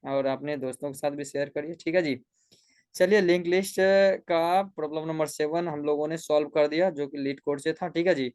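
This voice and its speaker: A man's voice: on the high side, steady tone, a little fast, a little mellow, clear, resonant tone. A man, explaining code in a casual lesson. He keeps turning questions back to the viewer and fills his steps with little check-ins. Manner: asks questions back to the viewer and repeats fillers like "theek hai". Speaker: coding tutor. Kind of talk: screen-recorded coding lesson.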